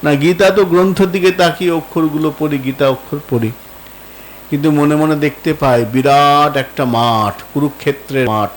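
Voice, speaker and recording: A fairly high-voiced man with a Bengali accent preaches a devotional sermon, telling stories and acting out their dialogue. He answers his own rhetorical questions. Faint noise sits behind him. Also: steady tone, moderate pace, rough recording. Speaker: Vaishnava preacher.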